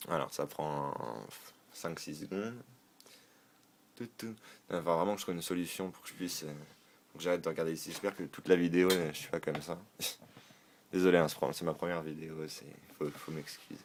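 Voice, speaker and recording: A man's voice: low-pitched, a little fast, slight background noise. A man casually walking through a phone tutorial, informal and hesitant, with many fillers and self-corrections. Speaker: tech tutorial host. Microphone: filmed on a phone.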